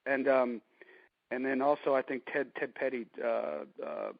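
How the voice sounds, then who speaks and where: A man in his forties, a guest in a casual interview, rambles through stories packed with "you know". His medium-pitched, gravelly voice is sing-song and measured, heard on a dry, dull lo-fi line with no room sound.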